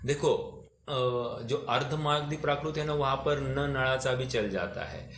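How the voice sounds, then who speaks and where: A man's voice: medium pitch, a bit bright, reverberant. A man teaching a scripture class, explaining patiently, putting questions to his listeners, and mixing English words into his talk. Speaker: religious teacher.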